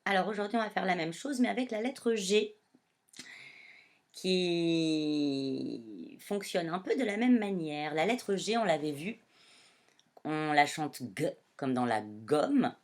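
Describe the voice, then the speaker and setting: A woman primary school teacher leads young children through a reading lesson, addressing them slowly and clearly. Her voice is lowish and sing-song.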